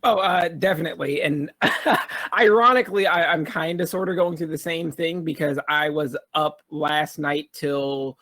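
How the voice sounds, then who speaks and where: A man with a fairly high voice speaks casually as a panel guest. He uses a lot of fillers and laughs easily between thoughts. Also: a little slow, sharp tone. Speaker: panel guest, photographer and YouTuber.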